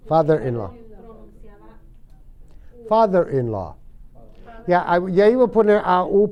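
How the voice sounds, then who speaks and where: Here a middle-aged man teaches English vocabulary to a roomful of students, speaking at an unhurried, patient pace and saying words over for the class to repeat. His pitch is a little high, and the recording has its highs cut off.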